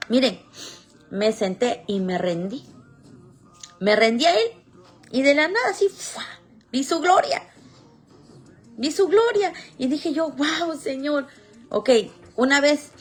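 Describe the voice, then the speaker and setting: A woman's voice: fairly high pitch, slightly rough. Woman preaching an earnest sermon. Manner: earnest, with personal testimony and scripture reading.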